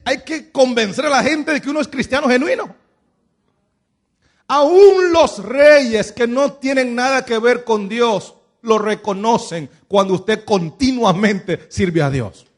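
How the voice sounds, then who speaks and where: Pastor, male, high voice, sermon delivery built on rhetorical questions. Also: measured pace. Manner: preaching with many rhetorical questions.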